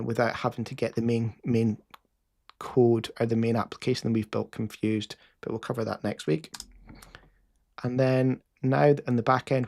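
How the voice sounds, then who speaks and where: With a Scottish accent and a mid-range, darkish voice, a man hosts a live coding session, explaining it casually while often using fillers and restarting sentences.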